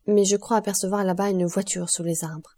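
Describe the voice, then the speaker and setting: A woman's voice: mid-range voice, fairly even intonation, brisk, warm tone, natural voice. A woman voicing a frightened, deferential male servant who speaks timidly, in an audiobook.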